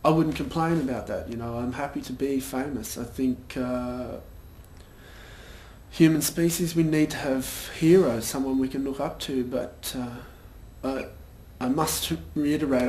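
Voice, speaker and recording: A man's voice: medium pitch, a little mellow, close to an everyday voice. A young man playing a vain, pompous band frontman in a mockumentary interview, hesitant and full of fillers. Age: young adult. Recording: echoey room with faint noise.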